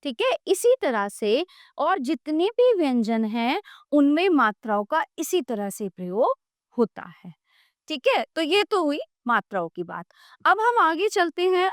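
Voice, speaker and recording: A woman's voice: sits high, fairly bright tone, no room sound, clean studio sound. A woman teacher explaining a grammar book, sounding out letters one by one and often checking that the listener follows.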